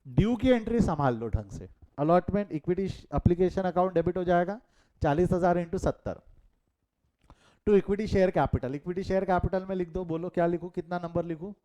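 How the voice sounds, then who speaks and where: A man's voice: sits high, moderate pace, mellow, highs cut off. A middle-aged man with an Indian accent teaching a live online commerce class, mixing Hindi and English, quizzing his students and breaking off into chatty asides.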